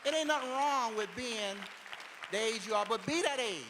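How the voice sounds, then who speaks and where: A man's voice: very high-pitched, normal speed, a crowd in the background, background noise. A man in his forties doing stand-up comedy on a church stage, with loose, chatty, streetwise talk and a constant "you know what I'm saying.". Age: 40s. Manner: drawling, streetwise phrasing.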